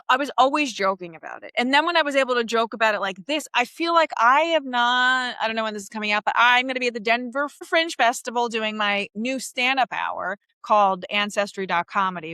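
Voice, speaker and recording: A woman comedian from Queens talks in a lively, chatty way, acting out other people's voices as she goes. Her voice is bright and forward. The sound is close and dry, with no room around it. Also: mid-range voice, fairly quick, few pauses, dry recording. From Queens, New York. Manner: animated, laughing, acts out quoted voices. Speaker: comedian guest. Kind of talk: casual interview chat.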